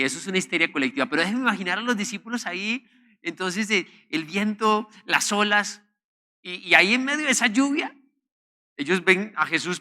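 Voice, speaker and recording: A man preaching a sermon, emphatic and repeating words, moving between loud stresses and soft low phrases. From Colombia. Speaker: pastor.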